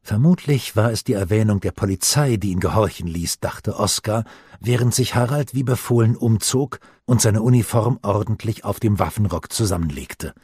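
A male narrator reading a novel aloud, measured and composed, with a husky, slightly breathy tone. The recording is close and dry, with no room around the voice. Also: fairly low pitch, a little mellow, dry recording. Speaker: audiobook narrator.

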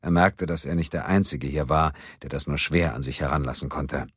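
A man narrating a crime novel in a steady, even reading voice. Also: very deep voice, brisk, slightly rough, no echo, studio quality. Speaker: audiobook narrator. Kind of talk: scripted narration.

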